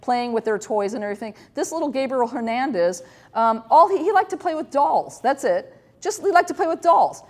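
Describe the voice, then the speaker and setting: A high-pitched, animated woman in her fifties speaks a little fast as she hosts a talk show, rambling through a casual monologue with plenty of fillers and restarts while candidly poking fun at herself.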